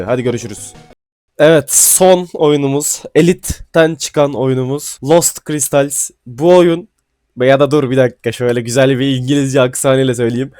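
A man giving casual gameplay commentary, excitable and swearing casually, then dropping to mumbling asides. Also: mid-range voice. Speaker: gaming YouTuber. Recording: faint music behind.

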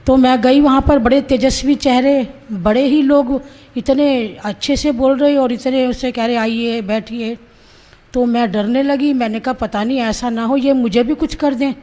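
A woman's voice: high-pitched, steady tone, moderate pace, dark tone. A woman in her sixties gives an earnest, vivid personal testimony, acting out her own quoted words as she tells it. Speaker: Sahaja Yoga practitioner giving a testimony.

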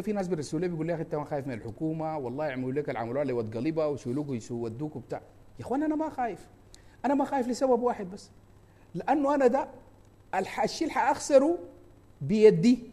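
A Sudanese man with an Arabic accent speaks in a rapid, fervent rush, often stumbling and restarting. His voice sits high but has a mellow, dark tone. He talks as a presidential candidate making his case. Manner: fast and fervent, with repeated hesitations and restarts. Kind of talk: impassioned campaign talk.

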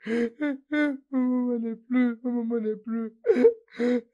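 A man's voice: high voice, moderate pace, darkish tone, highs cut off. An actor dubbing a desperate young man who begs and sobs for his dying mother, repeating himself. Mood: sobbing. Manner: pleading, sobbing, repeating himself. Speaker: patient's son. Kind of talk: French dub of a film.

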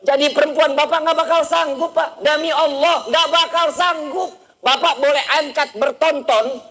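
A male preacher, giving a lively sermon and teasing the congregation with quick questions. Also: very high voice, rough recording.

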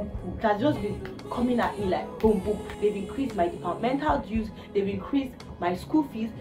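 A young woman with a Nigerian accent vlogging at home, ranting about a hard week with exasperated, animated talk. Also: a little high. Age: young adult. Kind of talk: casual vlog rant. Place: indoors, living room. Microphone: phone camera.

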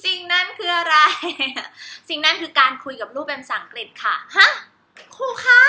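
A woman's voice: high voice, pushed and bright, roomy sound. A woman teacher giving a cheerful lesson on baby sign language, demonstrating each sign while repeating English words. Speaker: homeschool teacher.

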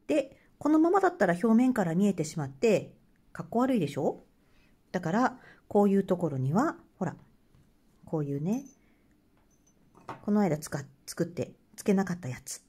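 A woman's voice: medium pitch, mellow, breathy edge. A woman with a Hokkaido Japanese accent, hosting a craft channel and chatting casually while she works, laughing often and murmuring to herself. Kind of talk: casual craft tutorial chat.

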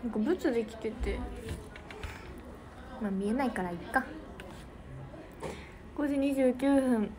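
A young idol livestreamer with a Niigata Japanese accent chats casually with her fans, giggling and thanking viewers by name. Her voice is a little high and unhurried, with frequent pauses. Music and other noise fill the background.

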